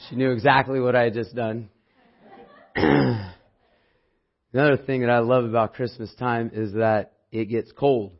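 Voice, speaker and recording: Hoarse man preaching, dull recording. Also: mid-range voice. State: hoarse, losing his voice. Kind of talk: church sermon, conversational. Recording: dull, muffled sermon audio.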